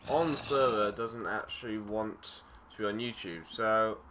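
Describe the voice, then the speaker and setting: A young gaming YouTuber narrates a let's-play in a lowish voice at a measured pace, rambling easygoingly with plenty of fillers and self-corrections. Loud background noise and game clicks fill the recording.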